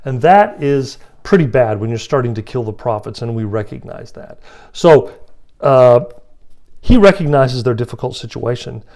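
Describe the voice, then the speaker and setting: A man's voice: medium pitch, expressive, normal speed, darkish tone. Chatty man retelling scripture casually. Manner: chatty, paraphrases with playful voices. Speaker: scripture teacher.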